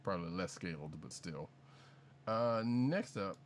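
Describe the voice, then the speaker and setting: A man's voice: low voice, animated, unhurried, a little hiss or hum. A man co-hosting a podcast, chatting casually through news items with rambling restarts and jokes. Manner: rambling, self-correcting, jokey. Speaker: podcast co-host.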